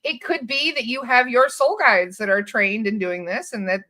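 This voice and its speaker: In a casual interview, a woman speaks as a hypnotist and spirit release practitioner, her high voice bright and forceful. She tells animated stories, acts out quotes and swears offhandedly. Her tone stays steady and her speed is normal.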